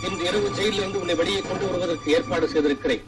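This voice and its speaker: An actor voicing a scheming man's secret letter in a flat, hushed way, in a dubbed film. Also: high-pitched, very fast, recorded from a distance, over loud music, close to an everyday voice. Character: scheming man whose secret letter is heard as a voice.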